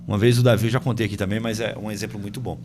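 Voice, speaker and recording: A man's voice: on the low side, fairly even intonation, racing, over music. A man hosting a podcast, telling a family story casually with many fillers and acting out the dialogue, recorded in a home studio. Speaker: podcast host.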